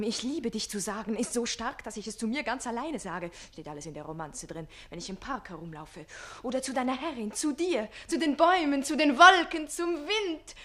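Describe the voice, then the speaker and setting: A woman's voice: mid-range voice, lightly acted. A woman playing a lovesick teenage page boy. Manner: breathless, gushing and pleading. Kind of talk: classic radio play acting.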